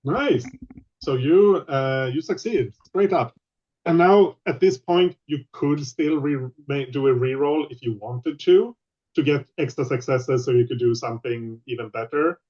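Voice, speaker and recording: Man game master on a lo-fi call. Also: mid-range voice. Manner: explains rules patiently with many pauses. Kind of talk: running a tabletop game online.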